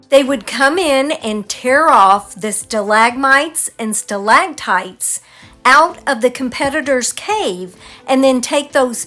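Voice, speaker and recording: A woman narrates a travel video at a slow, deliberate pace. Her higher-pitched voice moves animatedly through each phrase, with faint music underneath. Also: fairly bright tone.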